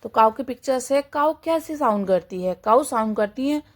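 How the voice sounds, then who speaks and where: A woman teaching a kindergarten English lesson in Hindi and English. She explains slowly and patiently, asks questions and answers them herself, and imitates animal sounds. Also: fairly high pitch, expressive.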